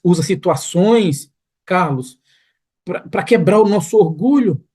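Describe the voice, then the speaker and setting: A man's voice: sits high, expressive, measured pace, warm tone, breathy edge. A man preaching as a pastor, telling a story with earnest feeling that rises to pleading intensity. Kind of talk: sermon testimony. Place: online church broadcast room.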